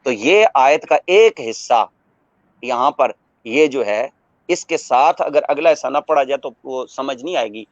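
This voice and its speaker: A man giving a religious talk as a scholar, preaching in a measured way, quoting Arabic verses and explaining them with everyday examples. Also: mid-range voice, expressive, no echo. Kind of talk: religious talk on a radio broadcast. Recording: muffled radio broadcast audio.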